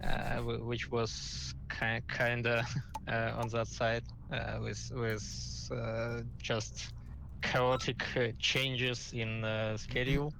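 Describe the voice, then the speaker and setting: Halting man with a flat, slightly creaky voice. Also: medium pitch, poor audio. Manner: halting, hesitant delivery. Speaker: guest, community tournament official and stream helper. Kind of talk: casual livestream interview chat.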